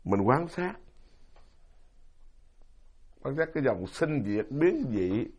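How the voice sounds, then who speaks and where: Very animated yet measured in pace, a middle-aged man with a medium-pitched, darkish tone gives a dharma talk as a Buddhist monk. He speaks with a Southern Vietnamese accent, fills the talk with stories and rhetorical questions for listeners, and the lo-fi recording sounds dull.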